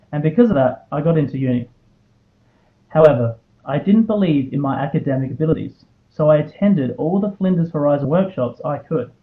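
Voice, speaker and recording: A man's voice: on the high side, narrow, tinny audio. A man in his twenties with an Australian accent delivers a prepared, earnest motivational speech, telling a personal story and posing rhetorical questions. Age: 20s. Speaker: student award recipient giving a speech. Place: live speech to an audience.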